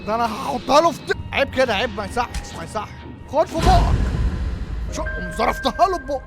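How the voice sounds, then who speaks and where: A man with an Egyptian Arabic accent giving jokey, excitable commentary on a horror game, yelping when startled. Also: extremely high pitch, racing. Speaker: gaming YouTuber. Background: game music.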